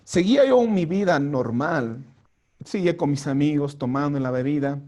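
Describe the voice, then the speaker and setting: Earnest, high-voiced pastor telling his testimony. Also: expressive. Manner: earnest storytelling, acts out quoted lines in a raised voice; drops soft and slow for prayers. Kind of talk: personal testimony to a youth group. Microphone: home mic for an online vigil.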